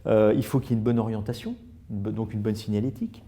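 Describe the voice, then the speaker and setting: A man's voice: lowish voice, fairly even intonation, fast talker, dark tone. A man, a guest on a panel debate, rattling through concrete examples with stammered restarts. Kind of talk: panel discussion.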